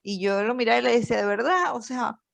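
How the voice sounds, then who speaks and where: A woman's voice: a little high, steady tone, racing, creaky, over a noisy crowd. A woman with a Venezuelan accent taking part in an online reading club and asking a question hesitantly, with many fillers. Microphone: video call.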